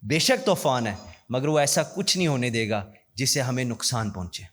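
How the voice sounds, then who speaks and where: A man quoting a calm, loving samurai husband from a story, gently reassuring. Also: mid-range voice. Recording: long hall reverb.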